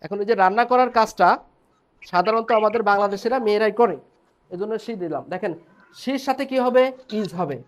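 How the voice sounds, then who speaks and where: A man's voice: high voice, fairly quick. A man teaching an online English class, explaining step by step and checking in with his students.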